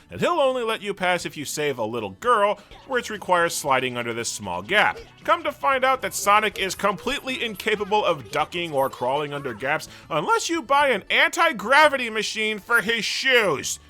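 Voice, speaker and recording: A man's voice: sits high, pushed and bright. A man narrating a scripted video game review, sarcastic and ranting, with frequent swearing. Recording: voice-over with faint music.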